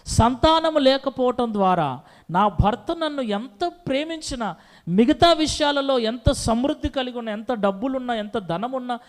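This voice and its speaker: Man voicing a grieving childless woman, pleading prayer, repeats her requests, high-pitched.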